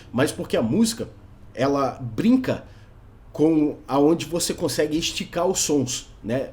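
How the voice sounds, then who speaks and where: A young English teacher from Brasília, Brazil, with a Brazilian Portuguese accent, gives a casual video lesson on learning English. His voice sits on the high side with a darkish tone, and he's chatty, often ending sentences with a questioning "right?".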